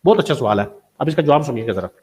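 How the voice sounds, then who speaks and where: Calm explaining man in a debate. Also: medium pitch, rapid-fire, slightly rough. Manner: calm explaining, asks the other not to shout. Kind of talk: heated online debate.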